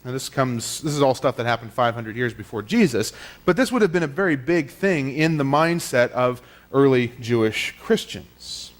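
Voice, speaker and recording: A man's voice: medium pitch, lively intonation, moderate pace. Male pastor at a pulpit microphone, teaching-style sermon, casual and explanatory. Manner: explanatory, conversational with fillers. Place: church sanctuary.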